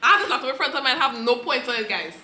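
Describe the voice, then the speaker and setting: A woman's voice: high-pitched, expressive, rapid-fire, reverberant, noisy background. A woman hosting a podcast, chatting casually and teasing herself with playful banter. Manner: laughing, playful, self-mocking banter. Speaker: podcast host. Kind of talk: casual chat.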